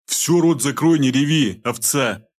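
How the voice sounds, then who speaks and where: A man voicing a coarse, domineering ex-convict gang boss who talks in rough barking slang. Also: mid-range voice, expressive, a little fast. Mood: furious.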